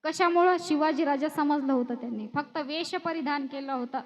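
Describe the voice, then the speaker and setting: A woman's voice: sits high, normal speed. A woman telling a devotional story as a kirtan preacher, acting out voices with emotional swells and addressing women in the audience. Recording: dull lo-fi recording.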